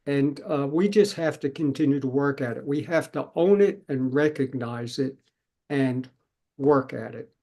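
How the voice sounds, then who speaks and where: A man speaking on a panel in a measured, reflective way. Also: mid-range voice, dark tone. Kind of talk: panel talk.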